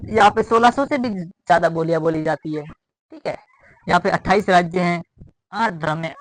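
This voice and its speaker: A man's voice: sits high, moderate pace, low-quality recording. A man from Rajasthan, teaching a casual classroom lecture at a blackboard and repeating his points with many fillers. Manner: repetitive, explains with many fillers. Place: room with a blackboard.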